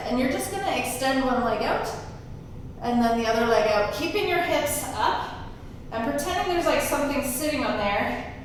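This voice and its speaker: High-pitched woman coaching a workout, echoing room. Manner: encouraging, calling out brief commands and countdowns. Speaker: fitness instructor leading a Tabata workout. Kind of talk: live workout coaching with short cues and demonstrations. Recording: echoey room, distant mic, noisy.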